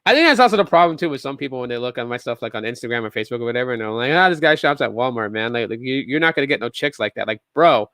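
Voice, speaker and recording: A man's voice: mid-range voice, animated, racing, hardly any pauses, fairly bright tone, dry recording. A man in his thirties hosting a solo tech podcast, talking casually and rambling with sarcastic asides and lots of restarts. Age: 30s.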